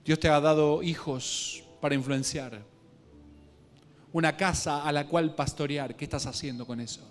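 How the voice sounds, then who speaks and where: A man with a Guatemalan Spanish accent preaching a sermon, telling a Bible story with local slang and humor, moving between hushed reading and louder bursts. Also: a little high, steady tone, normal speed, slight background noise.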